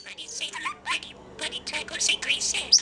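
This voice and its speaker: Talking budgie: very high squawky mimicry, wildly swooping, indistinct repeated pet phrases. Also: huge pitch swings, a little fast. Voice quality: chirpy, squawky, indistinct speech. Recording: very noisy home recording.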